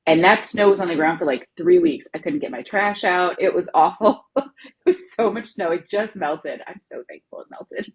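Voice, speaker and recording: A woman's voice: on the low side, moderate pace, husky, poor audio. A woman co-hosting a live stream on education advocacy, chatting casually with viewers, laughing often and saying "like" a lot. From lives in Ohio. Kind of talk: casual chat answering viewer comments.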